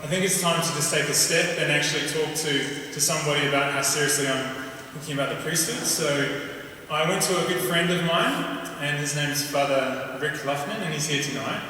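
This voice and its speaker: A man with a broad New Zealand accent tells his personal story to a gathering. His voice is bright and forceful, and he speaks informally and a little haltingly. He is heard at a distance from the mic in a long, reverberant hall. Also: a little high. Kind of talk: personal testimony talk to a gathering. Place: large reverberant indoor venue. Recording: echoey hall, distant mic, faint noise.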